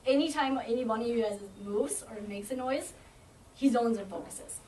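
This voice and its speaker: A woman's voice: a little high, dark tone. A woman who trains shelter dogs, teaching a group of volunteers with confidence and acting out what the dog thinks. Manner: confident, explains with quick acted-out dog thoughts. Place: indoor room at an animal shelter. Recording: distant camera mic, faint noise.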